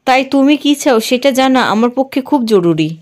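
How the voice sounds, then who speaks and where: A woman's voice: sits high, animated, normal speed, a little mellow. A woman reading the lines of a lonely young fiancée who clings to her family, in close to her own voice. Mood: pleading. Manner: plain read-aloud dialogue, barely acted.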